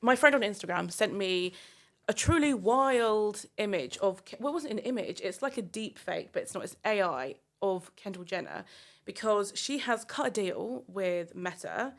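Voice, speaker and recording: A woman's voice: mid-range voice, expressive, normal speed. A woman chatting casually as a podcast panelist, trailing off and restarting her sentences. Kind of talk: casual chat.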